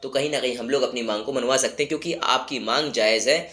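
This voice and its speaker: Talking fast in a sharp, medium-pitched voice, this man hosts his YouTube channel despite a cold and sore throat. His motivational commentary pushes viewers along with a string of rhetorical questions, rallying and exhorting them.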